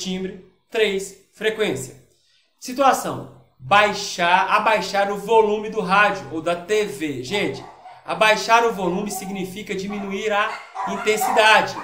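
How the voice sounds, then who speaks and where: A man's voice: high-pitched, a bit bright, roomy sound, slight background noise. A man with a Brazilian Portuguese accent, a physics teacher talking casually through worksheet exercises in an online lesson and often checking in with his students.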